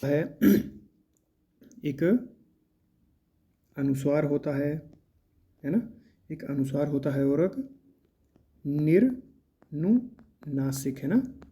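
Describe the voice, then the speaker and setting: A man teaching as he works through mock exam questions, often checking in with the class and pausing with drawn-out hesitations. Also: a little high, animated, mellow. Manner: repetitive, checks in with "है ना" and "ठीक है".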